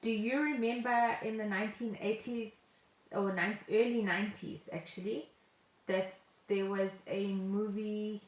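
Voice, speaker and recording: An unhurried, medium-pitched woman's voice with fairly even intonation belongs to a middle-aged South African podcast co-host. She explains things in relaxed chat, at times reading from notes, with the roomy echo of a home recording.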